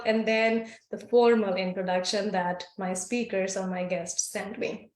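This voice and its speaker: A woman's voice: a little high, roomy sound. A woman hosting a podcast, introducing her guest with effusive praise. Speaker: podcast host.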